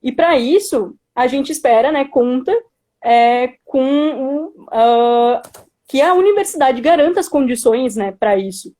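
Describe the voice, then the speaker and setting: A woman's voice: high-pitched, lively intonation, measured pace, dark tone. A young Brazilian woman giving informal political commentary as a student activist, speaking earnestly and hesitantly with frequent tag questions. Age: young adult.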